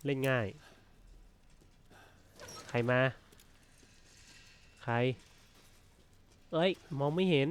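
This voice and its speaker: A man's voice: fairly high pitch, drawn-out words, pauses often, a little hiss or hum. A man playing through a horror game demo, muttering to himself and breaking into startled outbursts. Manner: excitable, jumpy outbursts and muttering. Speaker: gameplay streamer. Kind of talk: casual let's-play commentary.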